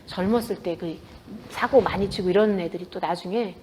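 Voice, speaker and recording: A woman author giving a talk to an audience in a bookstore, telling stories in a lively way and acting out what people said. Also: fairly low pitch, normal speed, a little hiss or hum. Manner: lively storytelling, acting out quoted dialogue. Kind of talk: public book talk to an audience. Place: bookstore event space.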